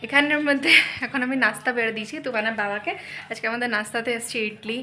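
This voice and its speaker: A woman's voice: fairly high pitch, fast, bright, forceful tone. A woman with a Bengali accent chatting through her day at home as a vlogger, giving running commentary on kitchen chores. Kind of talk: casual home vlog narration.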